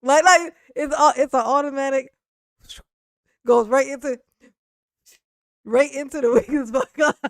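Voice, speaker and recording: A woman in her forties with a high voice chats casually on a live stream, speaking a bit slowly and pausing often. She's blunt and profane, frequently restarting and laughing, and the studio sound is clean with no room sound.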